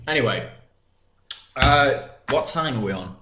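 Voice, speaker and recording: A man's voice: mid-range voice, animated, measured pace, sharp tone. A young man co-hosting a podcast, teasing and blunt, swearing freely in casual chat. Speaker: podcast co-host. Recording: echoey room.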